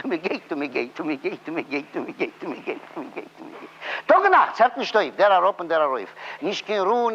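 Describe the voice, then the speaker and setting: A man with a Yiddish accent and a high voice chants a comic song-poem in a rhythmic, sing-song way. His pitch swings widely as he builds up playful refrains. The recording sounds dull and lo-fi. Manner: lively, playful, repeats phrases with rising excitement.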